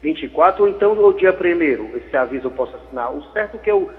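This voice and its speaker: A man's voice: fairly high pitch, lively intonation, quick pace. A man, calling in to a radio show over a landline phone and asking his question in a friendly, rambling, informal way. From Ceará, Brazil. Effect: landline phone line. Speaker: radio call-in listener. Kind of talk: casual call-in question. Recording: tinny phone line with long reverb.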